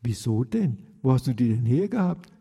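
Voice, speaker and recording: A man's voice: medium pitch, very animated, moderate pace, gravelly, mellow, husky, heavily acted. A man voicing a curious young shepherd girl who questions and doubts. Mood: impatient. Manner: questioning, skeptical. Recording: long reverb.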